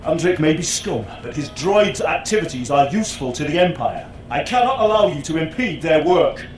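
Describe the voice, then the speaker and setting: Haughty, high-pitched imperial officer. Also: male voice, very animated, moderate pace. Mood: bitter, grudging. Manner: pompous, formal, disdainful. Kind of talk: video game voice acting. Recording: roomy echo, faint music.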